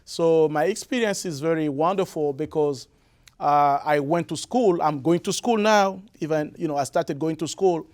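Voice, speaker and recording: Here a guest musician from the Republic of the Congo gives interview answers in a studio for radio or television. Slightly high and darkish in tone, his Lari-accented speech is halting, with many fillers and restarts.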